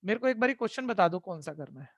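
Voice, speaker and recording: A man's voice: sits high, expressive, fast. Stern male tutor lecturing students. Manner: keeps asking "ठीक है?" to check in. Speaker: math tutor. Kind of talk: online class lecture.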